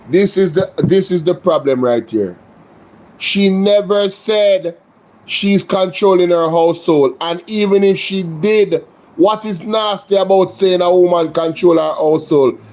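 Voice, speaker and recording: A man's voice: high voice, unhurried, a little mellow. A Jamaican man hosting a live political reaction stream, emphatic and indignant as he responds to clips. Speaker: political commentary host.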